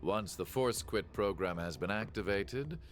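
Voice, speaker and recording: A man playing a calm, smug old villain in a video game, delivering a deliberate, theatrical villain monologue in a deep, gravelly voice. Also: soft background music, natural voice. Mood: cold, menacing. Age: older. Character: scheming old male villain, calm, smug, explaining his plot.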